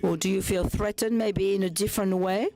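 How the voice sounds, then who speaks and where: Interpreter voice, slow careful questions, mid pitch. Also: steady tone, darkish tone. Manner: measured, deliberate questions.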